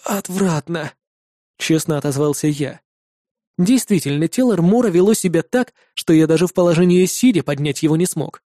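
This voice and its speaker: A man reading a first-person fantasy adventure in a steady storytelling manner. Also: fairly high pitch, fairly quick, no room sound, studio quality. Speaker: audiobook narrator.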